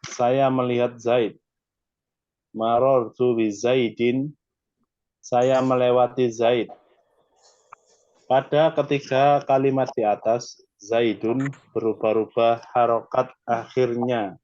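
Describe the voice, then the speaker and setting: A man's voice: mid-range voice, flat delivery, slow pace, pauses often, a little mellow, no room sound. A man, a student, reading an Arabic textbook aloud carefully in a lesson. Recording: dull, dry lo-fi sound.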